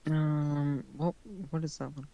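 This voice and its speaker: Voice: mid-range voice, flat delivery, takes it slowly, warm tone, smooth, muffled recording. A guest with an Australian accent, chatting with friends over voice chat. They talk casually, giggle often, and apologise a lot. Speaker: guest on the stream.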